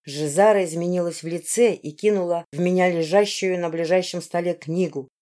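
A woman's voice: fairly low pitch, steady tone, fairly quick, dark tone. A woman reading a fantasy audiobook aloud in the first person, with dramatic storytelling. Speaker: audiobook narrator. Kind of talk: expressive audiobook narration.

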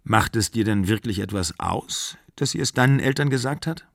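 A man reading an audiobook, voicing a calm older man who answers in a measured, reassuring way. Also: fairly low pitch, creaky, dry recording, clean studio sound.

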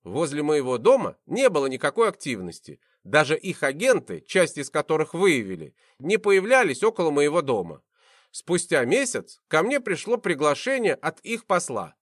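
A man reading a first-person audiobook in an expressive, animated way, into a close studio mic. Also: on the high side, normal speed, no echo. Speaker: audiobook narrator.

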